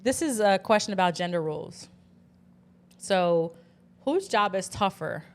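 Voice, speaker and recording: A woman co-hosting a casual podcast, talking playfully in quick bursts. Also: medium pitch, lively intonation. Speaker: podcast co-host. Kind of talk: casual chat.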